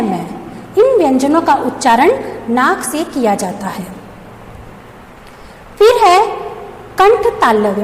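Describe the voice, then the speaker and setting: This grammar lesson comes from a woman teacher whose voice is high but darkish in tone. She asks questions and then supplies the answers, spelling words letter by letter, while the echoey room carries a faint hum.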